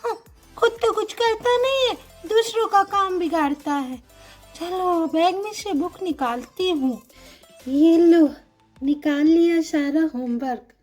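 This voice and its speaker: A very high, slow, whiny little schoolgirl, as a woman puts her on, fretting over her homework in a storybook doll show. She drags her words out slowly. Faint music plays behind. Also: darkish tone. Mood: fretful. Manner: whiny, tearful. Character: fretful schoolgirl doing homework.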